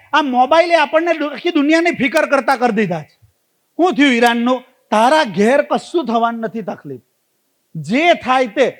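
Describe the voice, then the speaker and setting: A man giving a motivational talk to a community gathering, telling stories, repeating key phrases and asking the audience rhetorical questions. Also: extremely high pitch. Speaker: invited speaker.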